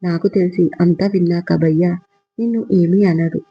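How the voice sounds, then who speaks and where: A man voicing a confident young male friend who gives brisk, bossy, reassuring advice, in a storybook reading. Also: sits high, steady tone, breathy edge, dull audio.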